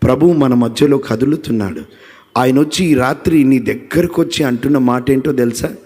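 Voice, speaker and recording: A man preaching a sermon as pastor, fervent and building to loud exclamations. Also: mid-range voice, moderate pace, husky. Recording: long hall reverb.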